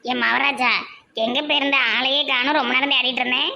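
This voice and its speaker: Cartoon village aunt, Tirunelveli accent; high, sharp, bright scolding voice. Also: female voice, steady tone, vocal fry, dull audio, heavily acted. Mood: fond. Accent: Tirunelveli Tamil. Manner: scolding, rapid nagging. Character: scolding middle-aged village aunt, suspicious and sharp-tongued. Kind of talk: cartoon voice acting.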